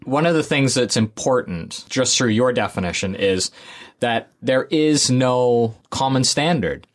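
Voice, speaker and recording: A man's voice: medium pitch, animated, unhurried. A man hosting an interview, guiding with questions and recapping each point. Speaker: interview host. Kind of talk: conversational interviewer.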